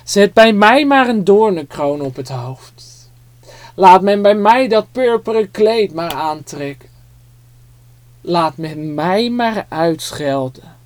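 A storyteller voicing a calm, self-sacrificing man in a children's Bible story, earnest and unhurried. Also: medium pitch, no room sound.

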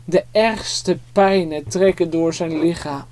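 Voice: mid-range voice, steady tone, takes it slowly, a little mellow. A storyteller telling a Bible story to young children, vivid and dramatic, speaking to them directly.

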